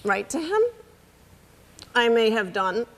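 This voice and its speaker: A woman's voice: fairly high pitch, expressive, takes it slowly, long reverb tail. A woman playing a tipsy grown daughter who is blunt, sardonic and cold toward her mother in a stage play. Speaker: actor.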